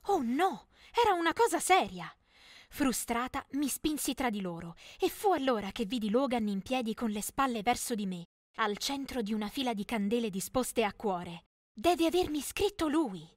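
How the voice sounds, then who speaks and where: A woman's voice: fairly high pitch, lively intonation, moderate pace, no room sound, studio quality. A young woman telling a dramatic first-person teen story in scripted narration.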